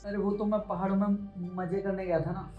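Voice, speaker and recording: A woman voicing a sheepish, lying young husband in a low, hoarse put-on male voice. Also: level tone, brisk, narrow, tinny audio, soft background music, close to an everyday voice. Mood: evasive. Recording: roomy echo.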